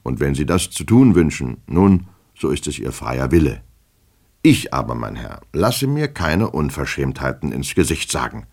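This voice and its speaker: A man's voice: rumbling low, sing-song, moderate pace, darkish tone, husky, exaggerated voice. A man playing a touchy old office clerk. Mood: indignant. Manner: formal, lecturing, indignant. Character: old male clerk, stiff and easily offended. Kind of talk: audiobook character reading.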